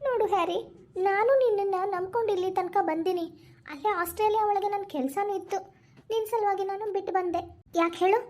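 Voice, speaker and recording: A woman plays a manipulative young wife in a Kannada cartoon who pleads sweetly to her husband and plots in hushed asides. Her voice sits very high, and she speaks with a North Karnataka Kannada accent. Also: a little fast. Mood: pleading. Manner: pleading, then plotting in low asides. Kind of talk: cartoon voice acting.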